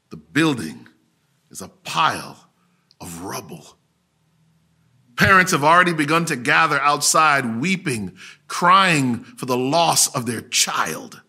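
A man preaching a sermon, telling a story dramatically, swinging from loud to hushed. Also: fairly high pitch, breathy edge.

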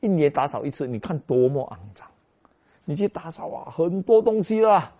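A man preaching a sermon as a pastor, telling a story with animated delivery that swings between soft and loud. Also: on the high side, normal speed. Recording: dull lo-fi recording.

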